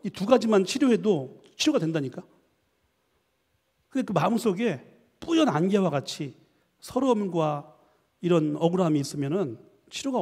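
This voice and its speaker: A middle-aged man teaching church leaders, animated, acting out quoted spouses with sudden outbursts. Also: high-pitched, slightly rough, big-room sound. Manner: animated, acts out quoted spouses with shouts and mock voices. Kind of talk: lecture to a church group.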